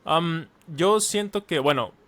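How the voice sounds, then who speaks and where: Here a language teacher and author in his thirties, a native Spanish speaker, talks slowly in a slightly high, fairly bright voice. He's a guest on a laid-back podcast and explains at length, offering many examples.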